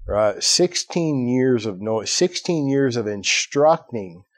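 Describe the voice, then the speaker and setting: A man's voice: mid-range voice, animated, takes it slowly, dry recording. A man hosting a podcast, telling a story in casual conversation with lots of asides and "right?" tags. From Ireland. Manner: storytelling, acts out quoted voices, fillers like "right?". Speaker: podcast host.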